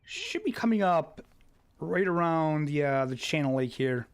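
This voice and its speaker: This young streamer's voice is smooth, sing-song, and on the high side, and he talks a little slowly. He keeps up laid-back commentary on his own live gameplay, muttering asides throughout.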